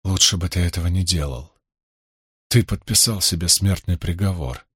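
A man's voice: deep voice, normal speed, a bit bright, breathy edge, dry recording, studio quality. A man voicing a proud, anxious young priestess who speaks sharply and nervously. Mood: tense.

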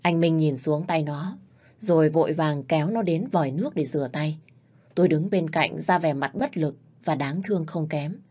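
A woman narrating a first-person story in a steady, intimate telling. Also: deep voice, moderate pace.

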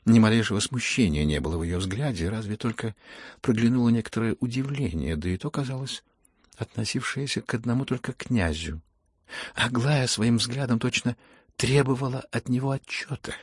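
A man reading a classic novel aloud as an audiobook narrator, in measured storytelling. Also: medium pitch, animated, slightly rough, dry recording, studio quality.

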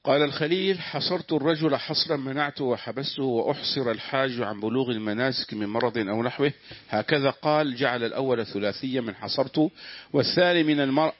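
Man, student reader, brisk classical recitation, dull lo-fi dry recording. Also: medium pitch, no room sound. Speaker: student reading the text aloud. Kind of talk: reading classical text aloud.

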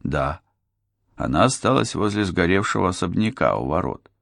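A man narrating an audiobook with an even, measured reading. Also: low-pitched, vocal fry, no echo, clean studio sound. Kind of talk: scripted narration.

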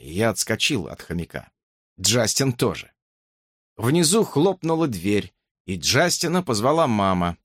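Man narrating an audiobook, lively delivery. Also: medium pitch, dry recording, studio quality. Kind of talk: first-person audiobook narration.

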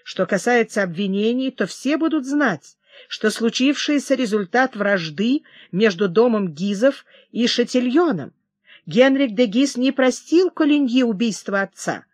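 A narrator plays a scheming count at court, speaking in a persuasive, reassuring way. The reading is measured and level. The sound is close and dry. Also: medium pitch, lively intonation, no room sound. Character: scheming male court count advising a king. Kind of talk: audiobook character reading.

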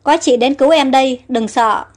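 High-voiced fierce warrior queen, read by a woman, commanding and urgent. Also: moderate pace, soft background music. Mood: tender. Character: proud fierce young Amazon warrior queen.

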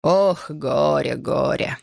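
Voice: mid-range voice, steady tone, vocal fry, no echo, studio quality. A reader doing a tearful old village elder. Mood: pleading, lamenting. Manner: slow, pleading, whining.

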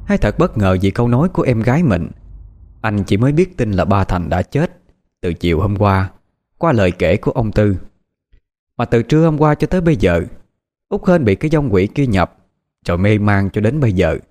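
A man narrating a ghost story audiobook in a steady, even way. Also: on the low side, normal speed.

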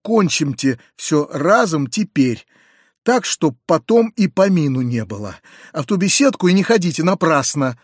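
A man's voice: on the high side, big pitch swings, normal speed, husky, dry recording, studio quality. A man voicing a heated, indignant young woman. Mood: pleading. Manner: pleading and heated.

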